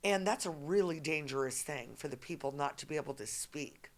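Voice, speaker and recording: A middle-aged woman hosts a political podcast, her voice at a moderate pitch. She chains her points together in long, emphatic statements and keeps pressing each one. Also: expressive. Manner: emphatic, fast run-on statements. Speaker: podcast host.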